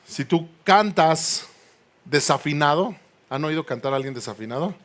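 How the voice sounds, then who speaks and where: A man's voice: fairly high pitch, animated, normal speed, a bit bright, a little hiss or hum. A male pastor preaching a sermon in a church. He builds to emphatic peaks, prompts the congregation to respond, and makes playful asides. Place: church sanctuary.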